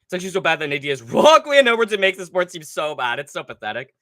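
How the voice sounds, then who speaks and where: Fast-talking and fairly high-pitched, a young man hosts a casual livestream recorded in the studio with no echo. He sounds stuffy from a cold while rambling, swearing and getting excited about fight picks.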